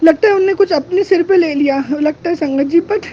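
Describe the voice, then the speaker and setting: Young man, very high mellow voice, tearful, begging prayer, lo-fi outdoor night recording. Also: moderate pace, slight background noise. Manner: begging, repetitive, emotional. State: tearful, near crying. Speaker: devotee. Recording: dull lo-fi with faint ambience.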